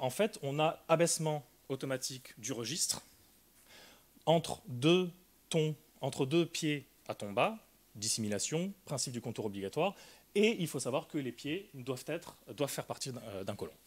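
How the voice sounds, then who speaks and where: Guy lecturing at a conference, mid pitch, careful, lots of euh and restarts. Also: animated, normal speed. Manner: careful explanatory delivery with frequent hesitations. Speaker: linguistics lecturer. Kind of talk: academic conference talk.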